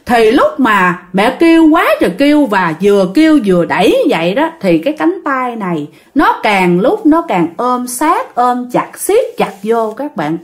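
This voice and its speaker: A woman with a Southern Vietnamese accent telling a ghost story in a casual way, talking straight to her listeners. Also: a little high. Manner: animated, addresses listeners directly.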